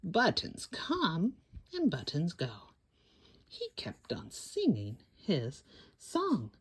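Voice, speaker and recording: A woman hosting a children's story time, reading a picture book aloud in a theatrical, deliberate way with exclamations. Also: on the low side, wildly swooping pitch, slightly rough. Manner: slow, deliberate phrasing for young children. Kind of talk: animated read-aloud picture book storytelling with sung refrains.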